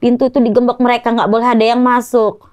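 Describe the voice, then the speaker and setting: A woman's voice: fairly high pitch, level tone, quick pace, darkish tone, dry recording. A woman telling her story in an interview, speaking in short clipped phrases and often quoting what others said. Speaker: guest, mother of the victim. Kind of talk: emotional recounting in an interview.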